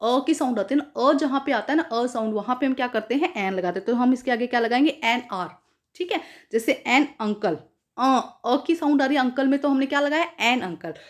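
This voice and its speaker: A woman teacher explaining grammar to schoolchildren, repeating points, asking rhetorical questions and reading English examples slowly. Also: high voice, expressive. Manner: calls listeners "beta".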